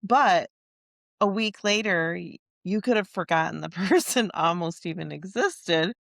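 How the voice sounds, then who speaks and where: A woman's voice: on the low side, lively intonation, unhurried, gravelly, a bit bright, no room sound, clean studio sound. A woman hosting a podcast in casual interview chat, chatty and agreeing, laughing along. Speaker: podcast host.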